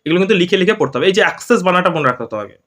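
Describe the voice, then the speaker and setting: A man teaching an online spelling and pronunciation lesson, repeating words slowly and spelling them out letter by letter while asking his students whether they follow. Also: sits high, lively intonation, sharp tone. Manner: asks learners for agreement again and again.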